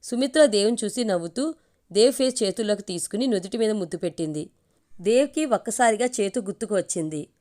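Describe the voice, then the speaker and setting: A woman reads a family story aloud as a storyteller. Her narration is steady and even, at an ordinary middle pitch. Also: a little fast.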